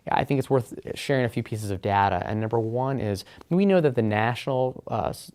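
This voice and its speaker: A man's voice: fairly low pitch, a little mellow. A man answering interview questions in a webinar, explaining education policy in an earnest way with frequent fillers.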